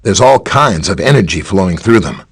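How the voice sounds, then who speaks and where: A man gives a heavily acted performance as a friendly, easygoing superhero scientist in a video game. His low, husky voice is animated and moves at a moderate pace as he greets and briefs the player, explaining things casually and conversationally.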